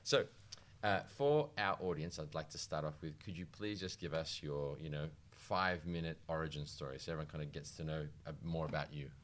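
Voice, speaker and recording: Deep-voiced man hosting. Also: fairly quick, a bit bright, a little hiss or hum. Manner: easygoing, lots of short backchannels. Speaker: podcast host. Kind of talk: podcast interview.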